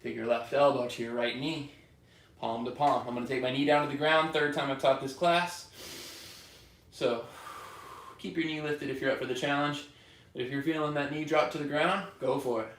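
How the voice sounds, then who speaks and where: A man's voice: medium pitch, normal speed. Man cueing yoga in a roomy studio. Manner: calm directive cueing, breath-paced. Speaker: yoga teacher. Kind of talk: guided yoga class instruction. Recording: roomy studio echo from far off.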